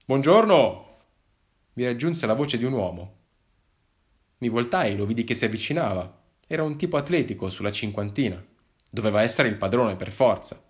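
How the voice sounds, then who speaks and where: A man narrating a first-person story in a wry, measured, expressive way. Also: on the low side.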